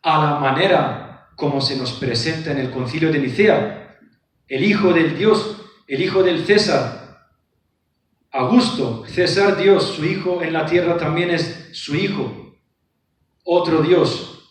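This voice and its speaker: A man's voice: a little high, takes it slowly, pauses often, recorded from a distance. A man giving a lecture on scripture. He reads verses aloud and explains them with rhetorical questions. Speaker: book presenter. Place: lecture room. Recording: very echoey hall, voice from afar.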